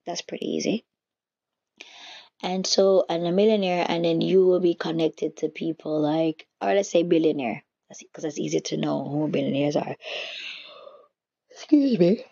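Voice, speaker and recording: A woman's voice: low-pitched, fairly even intonation, normal speed, vocal fry, pauses often, dark tone, husky. A woman giving a casual spiritual teaching, reflective and searching for her words as she goes. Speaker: faith teacher. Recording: dull lo-fi recording.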